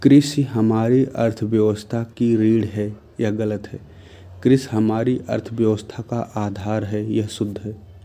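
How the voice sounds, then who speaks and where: This man's voice is mellow and on the low side, with a steady tone and measured pace. He is teaching Hindi grammar, reading sentences aloud and judging each one correct or incorrect, occasionally asking and then answering his own quiz-style questions.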